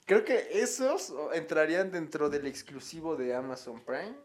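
A man's voice: on the high side, normal speed. A man with a Mexican Spanish accent chatting casually as a podcast co-host, joking in slang and laughing often. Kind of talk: casual chat.

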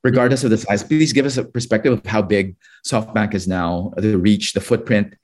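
Male interviewer, lower voice, long questions, hedging and filler-heavy. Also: steady tone, normal speed, a little mellow. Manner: fluent but hedging, many fillers.

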